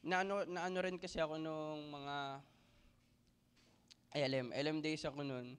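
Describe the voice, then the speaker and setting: A young man giving a halting, emotional church testimony, tearful and full of fillers. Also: fairly high pitch, level tone, fairly bright tone, clean tone. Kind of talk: personal testimony.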